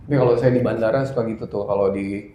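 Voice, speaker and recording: Man, casual religious talk; low voice, blunt and joking, slows down to stress points; echoey hall recording. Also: fairly even intonation, warm tone, a little hiss or hum. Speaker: religious study speaker. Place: indoor study hall. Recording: roomy hall, faint ambience.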